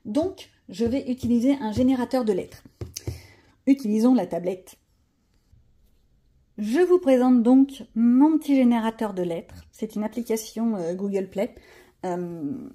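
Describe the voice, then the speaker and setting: Woman rambling on her coloring vlog, kinda high voice, a bit breathy, laughs at herself. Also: warm tone. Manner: chatty, thinks aloud, self-mocking. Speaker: coloring vlogger. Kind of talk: casual chat while coloring.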